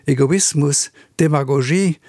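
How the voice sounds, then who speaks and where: A man's voice: fairly high pitch, dark tone, no echo, studio quality. Earnest man. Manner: earnest, measured, with non-native word order. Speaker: biologist giving an opinion. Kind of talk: read-out personal statement.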